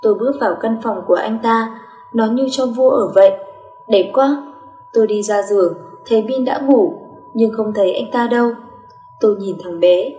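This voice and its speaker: A woman's voice: fairly high pitch, brisk, soft background music. Woman reading a story in a roomy space. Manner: gentle, wistful storytelling, voicing every character herself. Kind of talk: first-person romance story reading. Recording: roomy echo.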